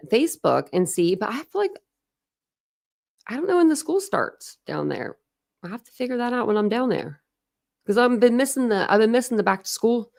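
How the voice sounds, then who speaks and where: A woman with a creaky, medium-pitched voice rambles to her livestream viewers in a Midwestern accent. She's from Ohio, talks casually, leans heavily on "like," and keeps restarting her sentences.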